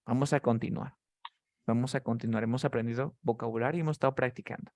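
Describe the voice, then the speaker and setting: A man's voice: mid-range voice, steady tone, fast, darkish tone, dry recording. Guy teaching english to beginners, patient, drills words, dry close sound. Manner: patient, drills words and asks students by name. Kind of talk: live online class teaching beginners.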